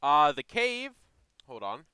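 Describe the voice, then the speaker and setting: A man's voice: fairly high pitch, wildly swooping pitch, slow, pushed and bright, clear, resonant tone, rough recording. A young man running a tabletop game as game master, talking in a loose, slangy way with lots of fillers.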